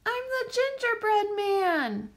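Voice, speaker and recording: A little gingerbread man from a storybook, acted out by a woman, plucky and excitable. The voice is very high and leaps around in pitch. The lines come out as sing-song, exclamatory rhymes. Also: slow pace, exaggerated voice. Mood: gleeful, bold.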